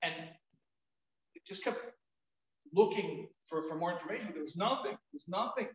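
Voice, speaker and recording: A man, a rabbi, tells stories at a community event in a lively, chatty way, full of fillers and restarts. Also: high-pitched, normal speed. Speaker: rabbi, storyteller. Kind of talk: storytelling talk at a community event. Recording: very echoey, dull event hall sound.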